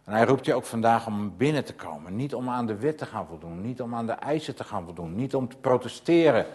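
A man's voice: mid-range voice, lively intonation, fairly quick. A man preaching a sermon, asking rhetorical questions and repeating phrases with growing insistence. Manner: rhetorical questions and insistent repetition, swelling to loud emphatic passages.

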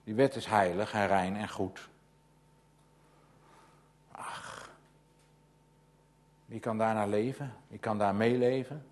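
A man's voice: on the low side, steady tone, takes it slowly, pauses often. A man preaching a sermon, asking rhetorical questions and repeating phrases with growing insistence. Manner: rhetorical questions and insistent repetition, swelling to loud emphatic passages.

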